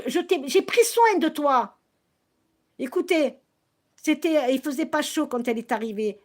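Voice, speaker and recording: A woman ranting to her viewers on a live stream, angry and accusing, often stumbling and restarting her sentences. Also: high-pitched.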